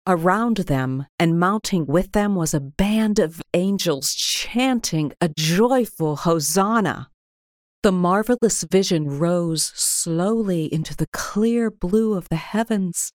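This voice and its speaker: A woman reads a scripted storybook tale in a low register, slow and gentle with careful, measured phrasing, yet still animated. The recording is dry, with no room sound around her voice.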